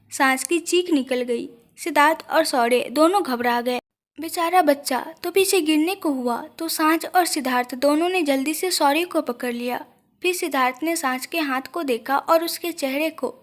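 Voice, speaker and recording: High-voiced woman narrating a story.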